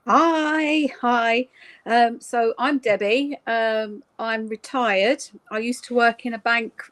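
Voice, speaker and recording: A woman's voice: on the high side, fairly even intonation, slow, a bit bright. A woman in her sixties with a London accent, casually introducing herself in a chatty, rambling way. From North London, England. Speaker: guest on an online service.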